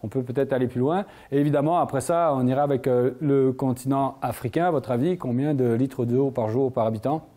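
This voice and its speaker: A man from France with a French accent, giving a conference lecture to a live audience. His voice is warm and mellow, at an ordinary middle pitch. He keeps the room engaged, throwing out questions and rising lively on the answers. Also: fairly quick, few pauses. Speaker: conference speaker.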